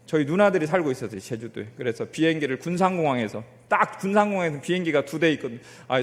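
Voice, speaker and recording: A male pastor from a rural area near Gunsan, preaching a Sunday sermon with lively storytelling and questions to the congregation. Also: on the high side, big-room sound. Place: church during a Sunday afternoon service.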